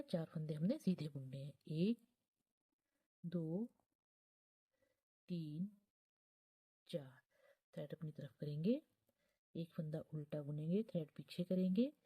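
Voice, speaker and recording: A woman teaching knitting step by step, patient and unhurried. Her voice is low and very mellow, with a husky, breathy edge. She counts stitches aloud and often sinks into a soft near-whisper. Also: expressive.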